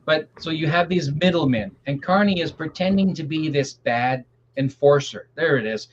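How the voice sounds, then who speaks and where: A man's voice: a little high, normal speed. A man from Canada co-hosting a casual political podcast, telling jokes and rambling stories. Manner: animated, joking storyteller. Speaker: podcast co-host. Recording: dull lo-fi sound with faint noise.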